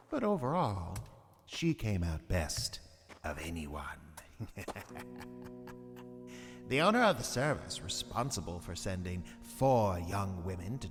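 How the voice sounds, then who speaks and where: A man playing a gleefully macabre warlock horror host, narrating in a theatrical, savoring, sardonic way. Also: medium pitch. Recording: long reverb, music behind.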